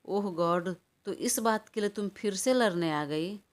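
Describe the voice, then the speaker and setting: A woman's voice: medium pitch, a little slow, natural voice. A woman voicing a tired, irritated young man who pleads to be left alone, in a storybook reading. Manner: weary, pleading.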